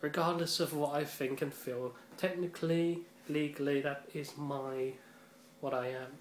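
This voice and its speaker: Flat-voiced profane man in echoey room. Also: a little high, unhurried. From Britain. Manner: rambling and profane, heavy on fillers. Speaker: vlogger. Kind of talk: casual vlog monologue. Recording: echoey room with faint ambient noise.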